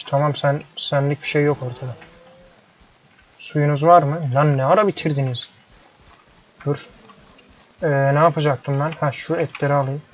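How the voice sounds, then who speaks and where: A young man doing casual gameplay commentary, his fairly high voice turning exasperated as he scolds and coaxes stubborn farm animals. It comes through a muffled, lo-fi headset microphone with a faint hiss of background noise. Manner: frustrated, grumbling, talks to the animals. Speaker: gameplay YouTuber. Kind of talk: casual let's-play commentary.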